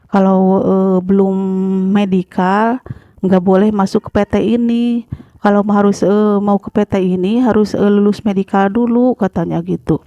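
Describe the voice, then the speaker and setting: An Indonesian woman telling her own story casually, halting with many fillers and frequent throat clearing. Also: mid-range voice, dark tone, no room sound. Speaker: former migrant worker telling her story. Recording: dull lo-fi sound.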